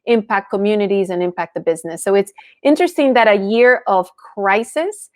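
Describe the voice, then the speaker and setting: A woman's voice: medium pitch, a little fast, dry recording. A woman from Colombia who learned English as a teenager, speaking as an interview guest in an earnest, articulate, businesslike way. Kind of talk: interview conversation.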